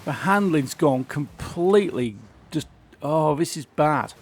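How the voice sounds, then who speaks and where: A man with a sore throat hosts a gaming channel, casually chatting and grumbling as he plays a racing game. His voice sits fairly high, slow but animated.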